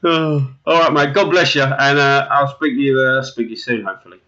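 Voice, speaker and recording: A man's voice: medium pitch, steady tone, a little fast, sharp tone, muffled recording. A man hosting a podcast, chatting in crude, joking banter and rambling with lots of restarts. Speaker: podcast host.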